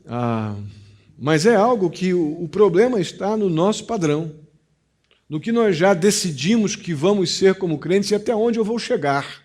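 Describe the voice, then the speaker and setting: A man with a Brazilian Portuguese accent, a pastor preaching a sermon, stressing key phrases and then dropping to a quiet, confiding tone. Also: high-pitched, lively intonation, normal speed.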